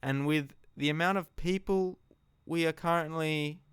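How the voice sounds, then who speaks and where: A man giving an earnest, reflective philosophical monologue, speaking deliberately in short phrases with long pauses. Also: a little high, fairly even intonation, a bit bright, clear, resonant tone, no room sound, studio quality. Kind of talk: solo reflective monologue, slow spoken address.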